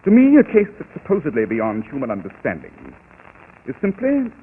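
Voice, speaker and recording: An actor playing Sherlock Holmes, a cool and precise detective, in a 1940s radio drama, with crisp, faintly husky, measured delivery. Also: male voice, medium pitch, wildly swooping pitch, a little hiss or hum. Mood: dry, superior. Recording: tinny old radio broadcast.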